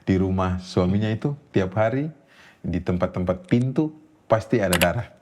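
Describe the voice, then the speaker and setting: A man, telling a personal ghost story in a casual interview, animated and laughing often. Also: normal speed. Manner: animated, jumps high when quoting others, laughs often. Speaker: guest storyteller.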